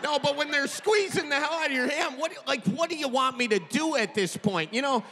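A man in his thirties with an Upper Midwestern accent, doing animated, folksy stand-up into a handheld mic on a theater stage. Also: very high voice, a little fast. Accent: Upper Midwestern American. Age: 30s. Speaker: stand-up comedian. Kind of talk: stand-up comedy. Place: large theater stage before an audience. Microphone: handheld microphone held close. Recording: reverberant theater, faint audience noise.

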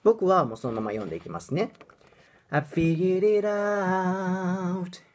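A man's voice: medium pitch, wildly swooping pitch, very fast, breathy edge. A young man from Japan giving a casual pronunciation lesson, chatty and self-deprecating, breaking into bits of song. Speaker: English pronunciation teacher.

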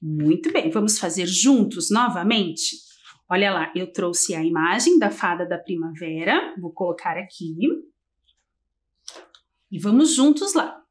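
A woman teacher leading a TV literacy lesson for young children, talking in a slow sing-song and stretching syllables as she counts letters. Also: fairly low pitch, animated. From Brazil. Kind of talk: early-grade literacy lesson on TV.

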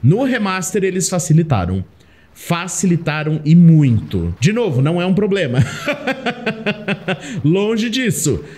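A young man with a Brazilian Portuguese accent giving casual, chatty, excitable commentary while playing a video game, often talking to the character on screen. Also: high voice, a little slow, pauses often. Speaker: gameplay commentator. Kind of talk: casual let's play commentary.

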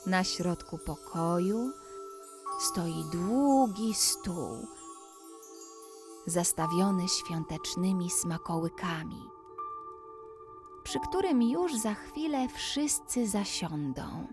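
With a lowish, expressive voice, a woman reads a scripted bedtime story for children, speaking deliberately and addressing the young listener directly. Music plays in the background.

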